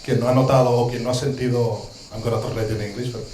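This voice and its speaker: Speaking very fast in English with a Catalan-Spanish accent, a man from Catalonia reads an earnest talk from notes on his street social educator work. His medium-pitched voice keeps a fairly even intonation, yet he's hesitant, with many ums, restarts and warm asides. The room is reverberant and the background noisy.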